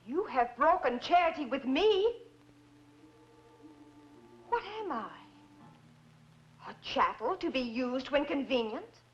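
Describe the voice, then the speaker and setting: A woman's voice: high voice, animated, slow pace, long pauses, faint music behind. An actress playing a proud widow accused of witchcraft, speaking theatrically and accusingly in a 1960s film. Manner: theatrical, accusing, rising to shouts. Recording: dull lo-fi old film soundtrack.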